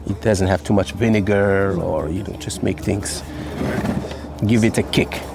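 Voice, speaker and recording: Gravelly and low-pitched, this fifties-aged chef and restaurant host speaks a little slowly with a Moroccan accent, Arabic being his native language. Being interviewed as he serves food, he tells stories casually and energetically, joking with playful asides against a noisy background.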